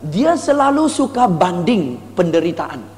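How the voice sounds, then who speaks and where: High-voiced animated male seminar trainer. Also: measured pace, in a large hall. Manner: animated, rhetorical questions, mixes in English. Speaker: sales trainer. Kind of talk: motivational seminar talk.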